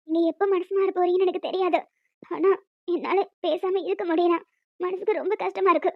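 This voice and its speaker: A clingy young village wife, high and girlish, pleading and chattering on without pause, as a woman voices her. The recording is dry and a little dull, with no room around the voice. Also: dry recording. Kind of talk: Tamil audio romance drama.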